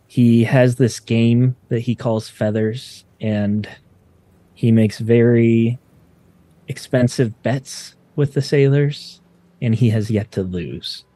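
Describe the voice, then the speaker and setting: A man's voice: mid-range voice, slow, mellow. A man narrating a fantasy tabletop game as game master.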